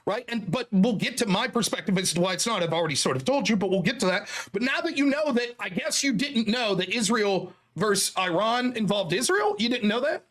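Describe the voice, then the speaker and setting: A man with an extremely high voice hosts a live call-in debate. He is combative and sarcastic, hammering the same point again and again with plenty of swearing. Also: brisk, hardly any pauses, a bit bright. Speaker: host of a live call-in show.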